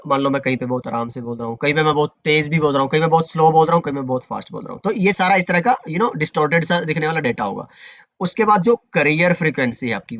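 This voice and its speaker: A man's voice: on the high side, no room sound, dull audio. A man teaching a networking course online, explaining in a conversational way and dropping English terms and fillers like "you know" as he goes. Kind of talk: online lecture.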